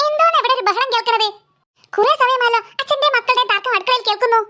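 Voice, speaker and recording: Woman voicing a fed-up scolding cartoon mother, high bright voice, sharp tongue. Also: fast. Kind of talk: cartoon voice acting.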